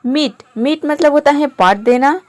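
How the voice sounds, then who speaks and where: A woman's voice: high voice, measured pace. A woman teaching English pronunciation over slides, patiently repeating each word and giving its meaning.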